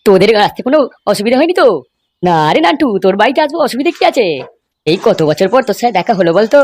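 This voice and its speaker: Fast-talking woman in a crude cartoon. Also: fairly high pitch, big pitch swings, darkish tone. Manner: rapid, coarse, scolding banter. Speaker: voice actor voicing several cartoon men. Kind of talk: crude comic cartoon dialogue.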